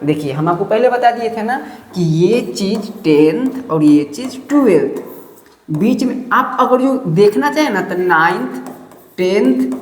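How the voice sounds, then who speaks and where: A woman's voice: mid-range voice, lively intonation, unhurried, a little mellow. A woman teaching a grammar lesson step by step and quizzing her students with rhetorical questions. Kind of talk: classroom-style online lesson. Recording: echoey room with long reverb.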